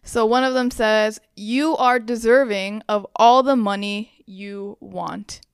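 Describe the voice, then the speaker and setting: Young woman, podcast co-host, casual chatty delivery, gravelly edge, dry close sound. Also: medium pitch, fairly even intonation, slow pace, no echo. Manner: chatty, many fillers. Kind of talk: casual chat.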